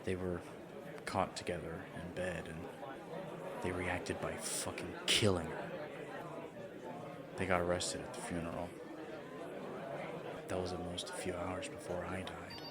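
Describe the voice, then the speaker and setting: A low-voiced man performs an audio roleplay monologue, sounding earnest and reflective, at times sinking into a hushed whisper.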